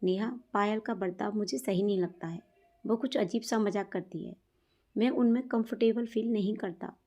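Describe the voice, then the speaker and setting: An uneasy, principled young husband who speaks earnestly and pleads for limits, as a woman storyteller reads him. The voice stays mellow and warm, close to the reader's own. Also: mid-range voice, normal speed, natural voice.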